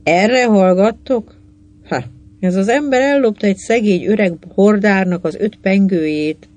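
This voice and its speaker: Reader putting on an old grey-haired street porter, indignant, accusing, slow, mellow tone. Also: mid-range voice, natural voice. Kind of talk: storytelling.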